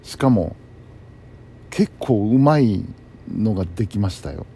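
Low-voiced man in a gravelly, musing chat. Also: expressive, unhurried, dark tone. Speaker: host of a personal bedtime talk show. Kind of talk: casual solo chat. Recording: faint background noise.

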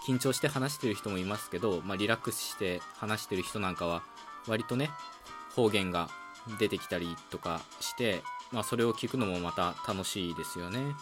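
A man from Okayama with an Okayama accent, hosting a calm solo talk show and explaining things in a relaxed, chatty way with fillers. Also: on the low side, moderate pace, over music. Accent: Okayama dialect. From Okayama, Japan. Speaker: podcast host.

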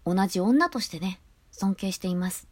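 A woman voice creator hosting a chatty, high-energy solo talk show. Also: expressive, moderate pace, darkish tone, breathy edge. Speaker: podcast host and voice creator.

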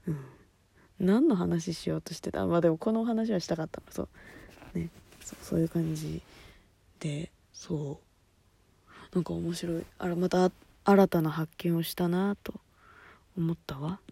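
A woman hosting a solo talk show, chatting casually, laughing often and dropping to soft murmurs. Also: lowish voice, normal speed, gravelly, long pauses, breathy edge, no echo. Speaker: podcast host. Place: at home at night.

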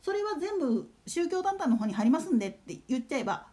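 Woman, solo talk host, chatty, very animated intonation. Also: high voice, fast. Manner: chatty, rhetorical questions to listeners. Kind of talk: casual solo talk show.

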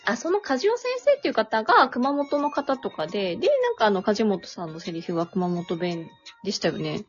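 A woman from Kyushu hosting a casual fan chat podcast, excitable and gushing. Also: medium pitch, moderate pace. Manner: excitable, gushing, laughs often. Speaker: podcast host. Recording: dull lo-fi audio with faint music.

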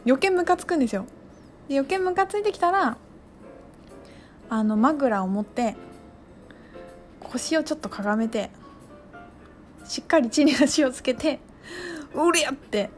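Animated woman with a lilt. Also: sits high, moderate pace, long pauses, soft background music. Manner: animated, acts out her own outbursts and shouts. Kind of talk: casual spiritual monologue.

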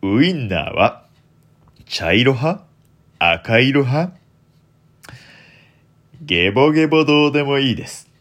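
A young man hosting a solo late-night radio talk in a deliberately low, deep announcer-like voice, polite and formal with theatrical flourishes. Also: sing-song, a bit bright. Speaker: host of a solo internet radio show.

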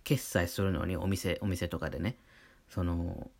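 A man's voice: deep voice, steady tone, a little slow, a little mellow, husky. A man with a Kansai accent talking casually on his own show, rambling along with many fillers. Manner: chatty, rambling, full of fillers. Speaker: artist hosting his own talk channel. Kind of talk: casual solo monologue.

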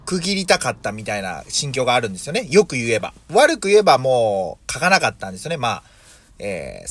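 Speaking on his own laid-back podcast, a thirtysomething vegetable farmer from Mie, Japan, muses out loud, filling gaps and correcting himself often. His voice is mid-range and fairly bright.

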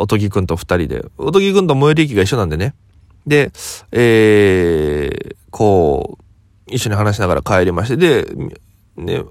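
A young comedian from Okinawa, just woken up, telling a rambling story in a relaxed solo talk. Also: male voice, lowish voice, dry recording, studio quality. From Okinawa, Japan. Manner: relaxed rambling storytelling, quoting others as he goes. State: just woken up, voice lower than usual.

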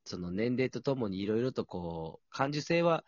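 A man's voice: mid-range voice, very animated, unhurried, dry recording, dull audio. A man with a Kansai Japanese accent co-hosting a casual chat podcast, teasing his partner with joking retorts. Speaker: podcast co-host.

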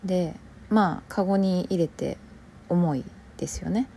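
A woman with a Kansai Japanese accent talks on her own solo show in a relaxed, rambling way. Her voice sits a little low and sounds warm and mellow, and it often sinks to a soft near-whisper. A faint hiss sits under it. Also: a little slow, creaky. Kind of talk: casual solo podcast chat.

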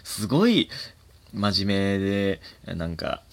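A man with a Kansai accent hosting a casual solo comedy podcast, reading listener mail, chuckling often and getting animated when he rants. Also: deep voice, slow.

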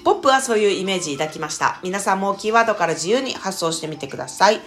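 Woman, old Tokyo accent, solo podcast host, playful chat, very lively pitch, soft music underneath. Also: rapid-fire. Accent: Edo-style Tokyo dialect. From Tokyo, Japan. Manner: chatty and playful, refers to herself by her nickname. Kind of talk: casual solo podcast talk.

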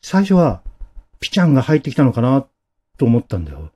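Guy doing a spooked young man, low and uneasy, mellow husky voice, pitch wanders a lot. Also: huge pitch swings, brisk, muffled recording. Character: shaken young man recounting a scare.

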